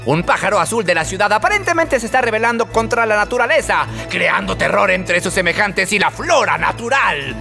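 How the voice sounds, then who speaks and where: A man voicing an excitable, whiny, childish cartoon raccoon gamer, dramatic and complaining, with a Latin American Spanish accent. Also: sits high, fairly quick, gravelly, hardly any pauses. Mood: mock-dramatic. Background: music.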